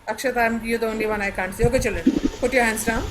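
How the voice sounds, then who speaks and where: A woman's voice: on the high side, fairly even intonation, drawn-out words. A woman with an Indian English accent teaching a young class online, mixing Hindi and English, patient and instructive. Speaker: primary school teacher. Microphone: video call. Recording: noisy online class audio.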